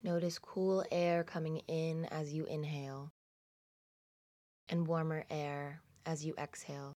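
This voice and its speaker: A woman narrating a guided meditation slowly and soothingly, in a hushed delivery with long pauses. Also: low voice, level tone.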